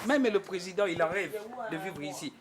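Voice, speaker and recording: Man answering thoughtfully, slightly high pitch. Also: normal speed, heavy background noise. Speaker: interviewee. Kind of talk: casual interview.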